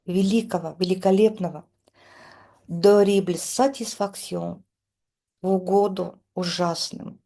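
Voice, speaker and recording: Middle-aged woman, French teacher, slow and mellow, expressive line-by-line reading. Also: medium pitch. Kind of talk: reading a poem aloud line by line with translation.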